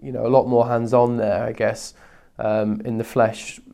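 A man's voice: medium pitch, little pitch movement, normal speed, gravelly, warm tone. A man answering interview questions conversationally as a guest, hesitant and often repeating words as he searches for phrasing.

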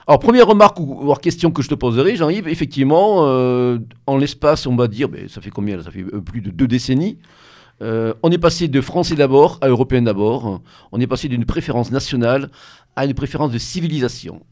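A man's voice: mid-range voice, fairly quick, a little mellow. A man hosting a radio interview, introducing his guest with a hesitant delivery full of fillers and restarts. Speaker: radio show host.

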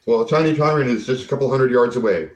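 A man's voice: medium pitch, quick pace, echoey room, highs cut off. A man narrating an improvised tabletop game as game master.

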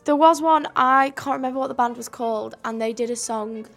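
A young woman co-hosts a homemade radio show, talking earnestly in long run-on sentences during a casual discussion. Her voice is fairly high, quick, gravelly and a bit bright, with soft music in the background.

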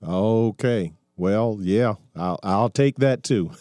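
Deep, mellow man in his sixties hosting radio. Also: slow pace, no room sound, studio quality. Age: 60s. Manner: folksy, preachy, with frequent restarts. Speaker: radio talk show host. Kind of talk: call-in talk radio commentary.

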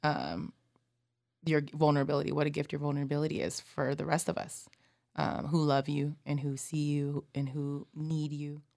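Woman host, deep voice, warm and affirming, dry close mic. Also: moderate pace, gravelly, no echo. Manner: warm, affirming, frequent soft back-channel sounds. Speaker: podcast host. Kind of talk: supportive interview talk.

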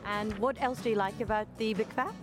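An upbeat, chatty woman reporter interviewing visitors at a book fair. Her voice sits at a middle pitch, and music plays clearly in the background. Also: steady tone, fairly quick. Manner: upbeat, chatty, laughs easily. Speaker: roving reporter. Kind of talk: vox-pop interviews.

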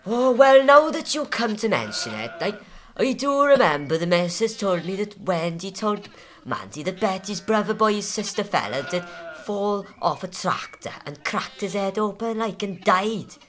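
A woman's voice: medium pitch, animated, moderate pace, close to an everyday voice. A woman voicing a simple, long-winded male farmhand who rambles hesitantly through endless fillers.

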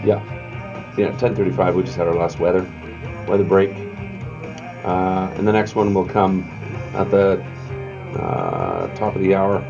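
A man's voice: deep voice, animated, measured pace, gravelly, pauses often. A man, a radio morning show host, casually explaining his work with lots of fillers and restarts. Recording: slightly dull lo-fi sound with faint music.

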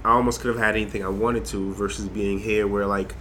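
A young man from Haiti talks as a guest, his voice a little low but bright and forceful. He rambles, looping back with fillers and restarts. A faint hiss sits behind him. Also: little pitch movement, quick pace. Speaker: guest, design lecturer. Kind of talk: casual interview conversation.

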